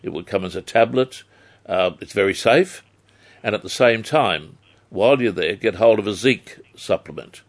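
An Australian man giving health advice on a live phone-in, measured and formally worded. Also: fairly low pitch. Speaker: health advice expert on radio.

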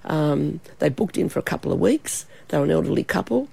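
A woman with an Australian accent, hoarse and croaky from a cold and sore throat, chatting as a travel expert in a radio interview. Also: deep voice, animated, brisk, warm tone, no room sound. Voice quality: croaky, husky.

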